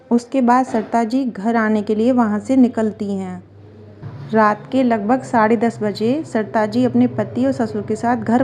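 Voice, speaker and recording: A woman narrating a devotional tale in a steady, plain way. Her voice is slightly high, with a mellow, soft tone rather than a bright one. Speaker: storyteller.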